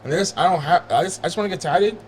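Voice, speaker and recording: A relaxed man swaps stories in a barbershop podcast, laughing easily between lines. His voice sits slightly high. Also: very fast, slight background noise. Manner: laid-back storytelling, laughs often. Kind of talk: casual chat.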